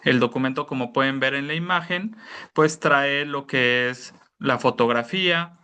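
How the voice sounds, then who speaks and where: A man giving a careful explanatory talk on a video call, filling pauses with "eh" and "¿no?". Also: mid-range voice, pushed and bright, smooth. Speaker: presenter at an online information session.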